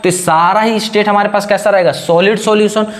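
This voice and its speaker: Male chemistry teacher, slightly high voice, lectures by asking rhetorical questions and answering them. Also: steady tone, a little fast. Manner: repeats a fixed question-and-answer pattern. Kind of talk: classroom lecture.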